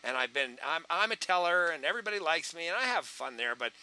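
A man's voice: fairly high pitch, animated, fast, bright, forceful tone, heavily acted. A man putting on a chatty woman bank teller. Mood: hesitant. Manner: folksy, calls people honey.

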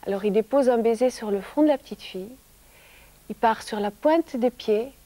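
A soft-spoken woman telling a story to children in a TV studio, sometimes dropping to a whisper. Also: fairly high pitch, normal speed, no echo.

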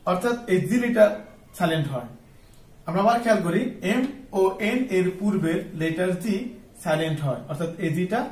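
A man's voice: high-pitched, roomy sound, far from the mic, rough recording. A man giving an English lesson as a tutor, asking his class questions, answering them himself, and spelling words out letter by letter. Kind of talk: spoken lesson.

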